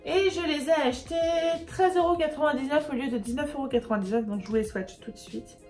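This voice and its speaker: A woman's voice: high voice, quick pace, a little mellow, faint music behind. A woman beauty vlogger chatting casually and upbeat through a makeup haul, with many fillers.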